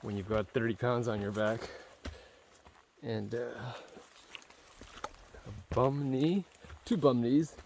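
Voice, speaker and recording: On a forest hiking trail, a tired, sore man on a solo hike narrates a casual vlog to his camera, rambling with fillers and swearing. His mid-range voice is fairly even, slow, and full of pauses, with background noise present.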